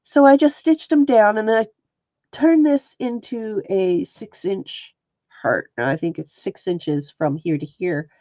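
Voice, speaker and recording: Speaking at an unhurried pace in a warm, medium-pitched voice, this textile artist chats casually on her crafting livestream, greeting viewers by name as she demonstrates stitches. Her nose is stuffy and sniffly. The audio sounds dry and muffled.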